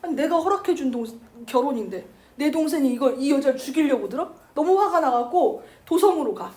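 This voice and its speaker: A woman teacher giving a chatty literature lecture, acting out the characters' lines in quick asides. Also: high voice, expressive, dark tone. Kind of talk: lively lecture retelling a classic novel.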